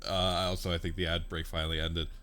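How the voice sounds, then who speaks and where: A man's voice: very deep voice, flat delivery, bright, forceful tone. A man hosting a live stream, chatting casually with stops, restarts and easy laughs. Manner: laughing, halting with fillers and restarts.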